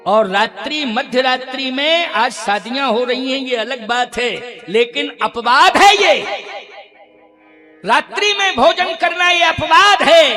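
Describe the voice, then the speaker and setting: High, bright-voiced man preaching slowly. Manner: exhorting, emphatic, repeats phrases. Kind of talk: devotional sermon with chanted verses.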